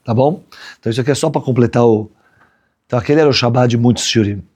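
A man's voice: medium pitch, racing, a little mellow. A man, a rabbi giving a chatty Torah class, often checking in with his listeners. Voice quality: husky. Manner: chatty, checks in with "right?" tags. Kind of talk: conversational Torah lesson with a story.

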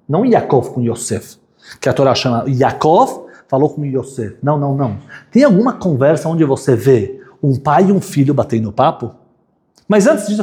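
Man preaching, an animated storyteller. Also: medium pitch. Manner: animated storyteller, acts out voices of characters. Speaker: rabbi giving a talk. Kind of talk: sermon with acted-out story.

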